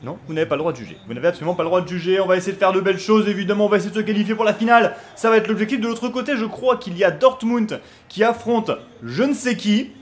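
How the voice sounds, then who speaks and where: Speaking rapid-fire in a voice that sits high, a young gaming YouTuber chats his way through a football video game. He fills silences with hesitations and lets out bursts of excited shouting on goals.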